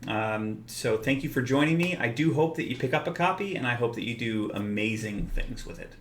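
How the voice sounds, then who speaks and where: A man walking through a software tool in a relaxed tutorial, explaining step by step with frequent filler words. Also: medium pitch, brisk, slight background noise. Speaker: software developer demonstrating his tool. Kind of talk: screen-recorded software tutorial. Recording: roomy echo.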